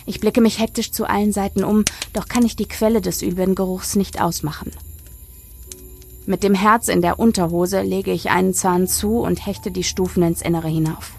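Woman reading a creepy story aloud, creaky gravelly voice, quiet music underneath. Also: medium pitch, steady tone, moderate pace. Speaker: story narrator. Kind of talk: first-person horror story reading.

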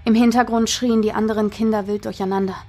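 Woman reading a tense audiobook, breathy husky voice, mid pitch. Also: level tone, fast talker, dark tone, soft background music. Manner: tense, dramatic storytelling. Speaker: narrator. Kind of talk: scripted audiobook narration.

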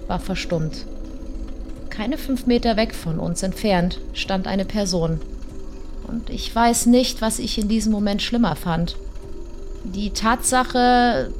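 A woman narrating a first-person horror story in an expressive way, hushing and drawing out the tense moments. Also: mid-range voice.

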